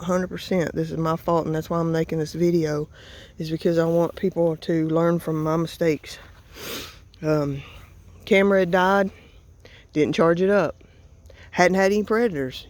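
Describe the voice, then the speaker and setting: A woman's voice: lowish voice, darkish tone, no room sound. A middle-aged woman with an Appalachian accent, talking hurriedly and emotionally in a casual vlog, out of breath. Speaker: homestead vlogger.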